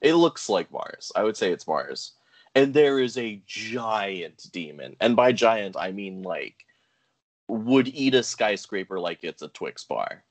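A man co-hosting a podcast in casual chat, animated and enthusiastic, often laughing. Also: fairly low pitch, slow pace. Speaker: podcast co-host.

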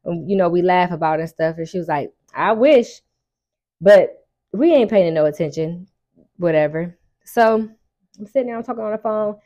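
A woman with a lowish, dark voice talks a little fast, and the recording has its highs cut off. She tells her audience a personal story in casual, colloquial chat, acting out dialogue with animation and stretching key words for emphasis.

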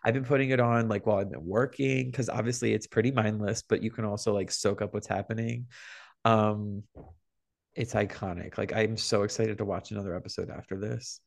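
A man co-hosting a podcast, telling gossipy stories in an animated, casual way. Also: on the low side, brisk, vocal fry. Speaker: podcast co-host.

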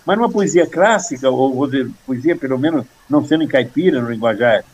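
An older man in casual conversation, earnestly explaining poetry and reciting verse with a steady rhythm. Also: medium pitch, quick pace, breathy edge, low-quality recording. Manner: earnest, rhythmic when reciting, many restarts. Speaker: poet guest.

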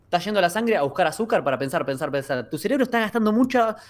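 A man's voice: high-pitched, animated, rapid-fire. A man with an Argentine Rioplatense accent, co-hosting a casual podcast and explaining ideas step by step. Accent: Argentine Rioplatense Spanish. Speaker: podcast co-host.

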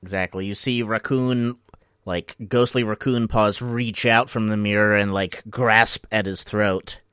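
A man co-hosting a podcast who tells the plot of an episode in lively, casual storytelling. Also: on the low side, unhurried, smooth, no echo, clean studio sound. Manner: animated storytelling with laughs. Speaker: podcast co-host. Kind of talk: casual recap chat.

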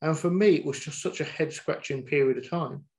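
A man co-hosting a podcast with a fairly high voice. He talks in an animated, casual way. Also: brisk. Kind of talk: casual chat.

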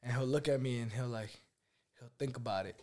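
A man's voice: mid-range voice, a little fast, warm tone. A man in casual chat, joking as he tells family stories.

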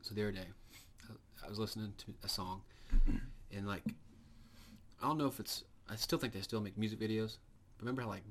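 A man's voice: lowish voice, brisk, long pauses, a little hiss or hum. A young man co-hosting a podcast, chatting in a rambling, profane way. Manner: profane, rambling, bursts into loud laughing voices. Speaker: podcast co-host. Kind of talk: casual chat.

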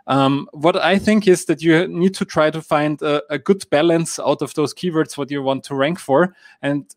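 Explaining app marketing at a moderate pace in a live-stream Q&A, the Austrian guest expert, a native German speaker, uses many fillers and hedging phrases. His voice sits on the high side, captured in clean studio sound without any room sound.

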